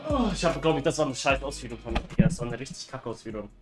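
A man's voice: medium pitch, expressive, quick pace, over music. A young man streaming a game in slangy speech, talking casually while exerting himself doing push-ups. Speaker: gaming streamer. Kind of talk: excitable casual livestream gaming commentary.

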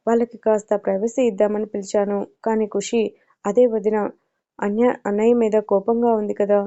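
A woman voicing a calm, mature young sister who speaks matter-of-factly. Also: mid-range voice, normal speed, natural voice. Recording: dull lo-fi recording.

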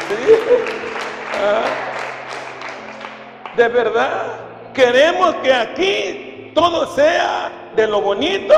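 Here the preacher is an older man from Ecuador whose voice is very high-pitched and gravelly. Addressing a congregation indoors in a large church hall, he preaches with passion and emphasis, asking rhetorical questions and repeating phrases, his handheld mic feeding the PA amid echo and background music.

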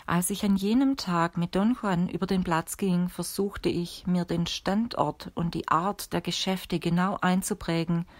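A woman narrating an audiobook in a steady, measured reading. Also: on the low side, dry recording.

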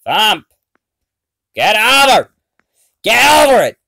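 A man gaming and commentating in a berserk rage, yelling and screaming in frustration. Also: high voice, very animated, takes it slowly, no room sound. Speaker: gamer recording gameplay.

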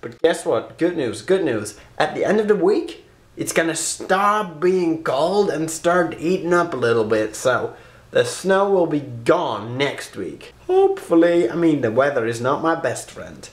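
Excitable young Dutch man in a roomy room. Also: measured pace. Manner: rambling, excitable, with sudden high yelps. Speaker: vlogger. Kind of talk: casual daily vlog. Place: indoors in his room.

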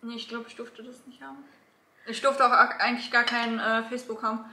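A young woman chats casually as a YouTube host. Her voice is fairly high and bright, picked up in an echoey room. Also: little pitch movement, fairly quick. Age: 20s. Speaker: YouTuber hosting a mukbang. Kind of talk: casual chat. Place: small room at a dining table. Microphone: camera a few feet away. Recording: echoey room, camera at a distance.

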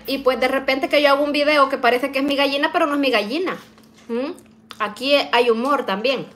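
Middle-aged woman, home kitchen vlogger, chatty and folksy, slightly high voice. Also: fairly bright tone, slight background noise. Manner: chatty, addresses viewers as "niñas", frequent "¿verdad?" tags. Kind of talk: casual chat while cooking.

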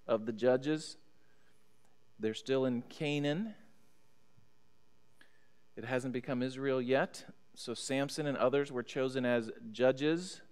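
Here the middle-aged American pastor has a clean voice of medium pitch as he teaches a Bible lesson at the pulpit. He reads passages of scripture and checks in with listeners in a teacherly manner. Captured by a stand mic on the pulpit and a far-off camera, the church sanctuary adds long hall reverb.

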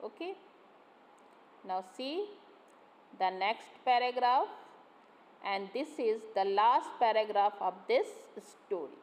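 A woman teacher reading a textbook story aloud and explaining it line by line in a deliberate classroom manner. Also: a little high, expressive, in a large hall, poor audio.

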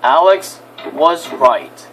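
A man's voice: fairly high pitch, fairly bright tone, slight background noise, rough recording. A man narrating an amateur toy-train video, stumbling and restarting his sentences. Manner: halting, frequent restarts.

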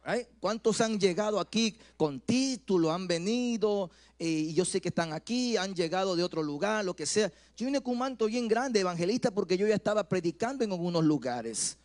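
A middle-aged pastor with an Ecuadorian Spanish accent preaches on an indoor church stage into a handheld microphone, telling personal anecdotes, acting out dialogue and repeating phrases. His voice is high-pitched, animated and darkish in tone, at normal speed with few pauses.

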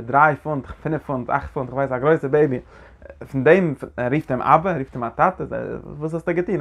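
A man teaching a religious lecture in an animated way, often restarting his sentences and breaking into emphatic bursts. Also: medium pitch, vocal fry. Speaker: Torah teacher.

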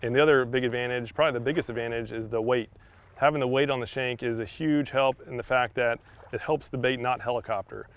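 A young man giving a casual fishing tutorial outdoors on a beach, talking in a relaxed way with many fillers and repeated words. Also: mid-range voice, fast, clean tone. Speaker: fishing instructor. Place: sandy shoreline outdoors by open water.

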